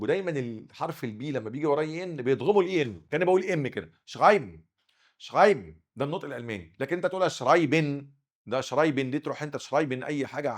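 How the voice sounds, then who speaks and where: Egyptian male language teacher, rapid lesson delivery with drilled repetitions. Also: mid-range voice. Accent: Egyptian Arabic. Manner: drills pronunciation, repeating words with sharp stresses. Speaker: German teacher. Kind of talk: recorded classroom lesson.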